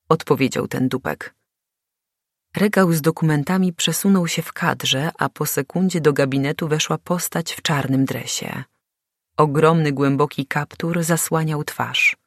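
A woman's voice: deep voice, no echo. Woman, audiobook narrator, first-person, tense, dramatic, dry recording.

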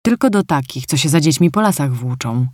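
A storyteller voicing a sharp, suspicious woman who speaks curtly and hisses her replies. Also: medium pitch, animated, a little fast, no room sound, clean studio sound, close to an everyday voice. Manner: hissing, curt.

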